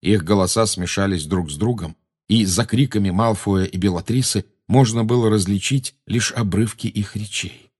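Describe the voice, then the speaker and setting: A man reading a fantasy novel aloud in steady, measured dramatic audiobook narration. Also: on the low side, husky.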